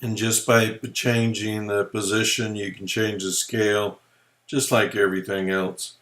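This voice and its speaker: A man presenting a software tutorial, explaining features in a relaxed, folksy way as he clicks through them. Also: lowish voice. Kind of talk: screen-recorded software walkthrough.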